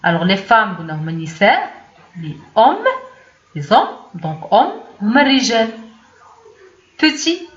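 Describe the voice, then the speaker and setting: Lively Moroccan woman teaching, echoey. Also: a little high. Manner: explains patiently, repeats words, lively teacher's cadence. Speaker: French teacher. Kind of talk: language lesson. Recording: echoey, dull lo-fi room sound.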